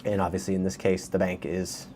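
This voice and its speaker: A real estate video host with a Canadian accent chats casually through property listings, addressing his viewers directly. His voice is low and mellow, fairly quick, and completely flat in delivery, with slight background noise.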